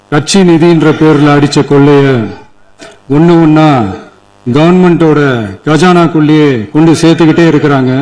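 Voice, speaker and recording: A man giving a formal speech in a legislative assembly, repeating his points forcefully and firing off rhetorical questions. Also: a little high. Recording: noisy chamber recording.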